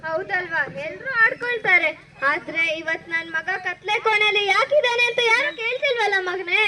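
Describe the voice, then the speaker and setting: A woman's voice: very high-pitched, moderate pace, pushed and bright, slight background noise. A woman playing a grieving mother in a school stage play, tearfully pleading with her son in prison. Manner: sobbing, pleading.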